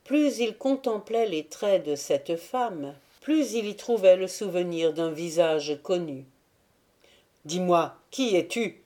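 A woman reading a classic novel aloud as an audiobook narrator, in a slow, measured way. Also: lowish voice, lively intonation, mellow. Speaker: audiobook reader. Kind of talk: scripted narration.

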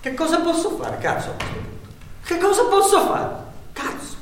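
A stage actor playing an anxious, bitter office worker who rants sarcastically with bitter laughs, in a theatre play on radio. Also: male voice, high voice, lively intonation, fast, fairly bright tone, far from the mic, a little hiss or hum. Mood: agitated. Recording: echoey stage sound from afar with music.

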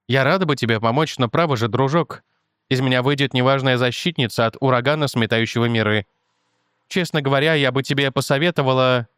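A man voicing a kind young woman who speaks softly and politely. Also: medium pitch, fairly quick, clear, resonant tone, no echo, studio quality, close to an everyday voice. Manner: soft, polite, soothing.

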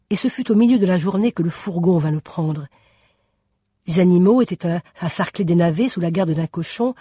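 A reader giving a steady radio drama reading, rising for dramatic moments. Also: medium pitch, breathy edge, no echo, clean studio sound. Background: music.

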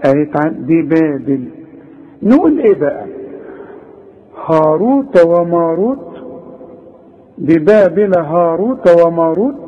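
A man with an Egyptian accent teaching Quran recitation rules, quizzing the student and slowly modelling each word. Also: a little high, breathy edge, muffled recording. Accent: Egyptian Arabic. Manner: animated, demonstrates recitation slowly, questions the student. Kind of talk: tajweed lesson.

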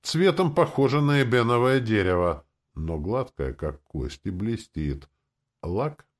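A good-natured old imperial official speaks in a formal, courteous way with quiet amusement, as an audiobook narrator puts him on. His voice sits low but moves lively up and down. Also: a little slow.

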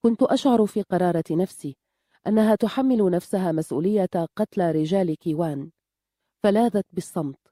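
Low, mellow woman narrating an audiobook. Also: a little fast, no room sound, studio quality.

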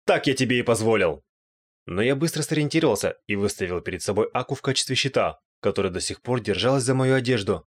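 A man narrating a first-person fantasy audiobook in a lively, dry storytelling manner. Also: mid-range voice, fast talker, few pauses.

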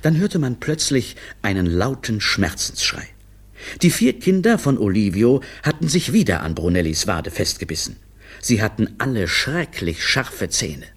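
A man narrating a children's audiobook with a lively, expressive reading. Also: on the low side, measured pace, husky.

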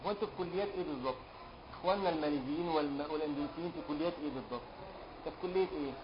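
An Egyptian sheikh with a fairly high voice teaches a class. He draws out memorized verses in a slow chant, then switches to quick, colloquial questions for his students. The lecture recording is dull and lo-fi, with a faint hiss behind him. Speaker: sheikh teaching a religious law text.

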